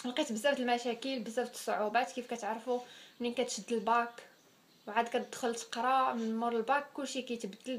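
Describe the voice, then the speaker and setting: Fast, high-voiced young Moroccan woman. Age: 20s. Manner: chatty, sprinkles French words. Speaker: vlogger. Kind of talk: casual Q&A vlog.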